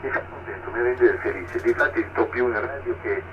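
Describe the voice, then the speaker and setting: A man from Italy with an Italian accent, an amateur radio operator heard over a ham radio receiver, spelling out call signs slowly and ending his turns with "over". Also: mid-range voice, far from the mic. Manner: slow, deliberate call-sign spelling, ends turns with "over". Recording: thin phone-like noisy radio transmission.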